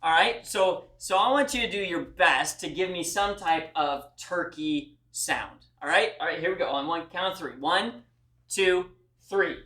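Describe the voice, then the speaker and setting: A man's voice: high voice, unhurried, pushed and bright. A man giving a class presentation speech in a folksy, earnest way and speaking straight to his audience. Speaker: student speaker. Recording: echoey room.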